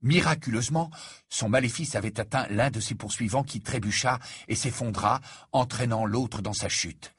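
A man reading a fantasy novel aloud in measured, dramatic scripted narration. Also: mid-range voice, breathy edge, no room sound, clean studio sound. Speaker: audiobook narrator.

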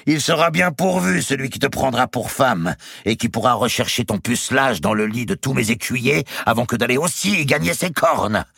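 A man voicing a tyrannical, gluttonous old countess who shouts and scolds her servant in a shrill voice. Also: animated, moderate pace, gravelly, few pauses, husky, dry recording, clean studio sound, exaggerated voice. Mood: mocking.

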